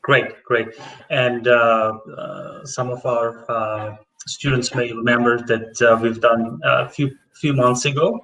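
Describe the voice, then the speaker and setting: A man's voice: medium pitch, fairly even intonation, slow, fairly bright tone. A man hosting a live webinar as program manager, friendly and hesitant, with many fillers. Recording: roomy distant webinar audio.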